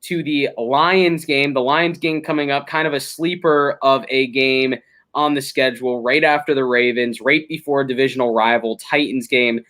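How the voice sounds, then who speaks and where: A man's voice: mid-range voice, fairly even intonation, moderate pace, fairly bright tone. A young man hosting a casual sports podcast, talking through games analytically with frequent ums and restarts. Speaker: podcast host.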